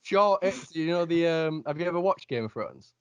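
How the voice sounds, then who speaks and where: A man from the north of England with a northern English accent, hosting a podcast and telling animated stories with frequent laughs. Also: fairly high pitch, normal speed, background noise. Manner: animated storyteller, laughs often. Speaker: podcast host. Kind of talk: casual chat. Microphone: video call.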